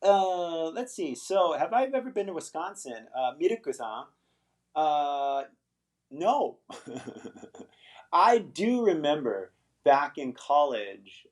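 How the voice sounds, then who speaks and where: Hosting an English-teaching livestream from Los Angeles, this middle-aged man rambles casually with his viewers. His voice is medium-pitched with a darkish tone, and he keeps tacking "right?" onto what he says.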